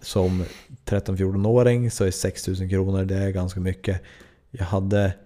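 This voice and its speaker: A man's voice: deep voice, little pitch movement, warm tone. A man in his twenties from Sweden, a podcast host telling a story in a loose, rambling way, full of fillers and swearing. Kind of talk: casual storytelling.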